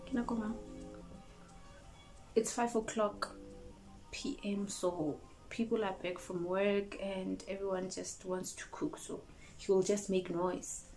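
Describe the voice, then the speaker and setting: A South African woman in her twenties chats casually into her phone camera, rambling through a get-to-know-me vlog in a small room in front of cupboards. Her medium-pitched voice stays fairly flat, moving slowly with a darkish tone. Soft music plays behind her, and the close-range phone recording is low in quality.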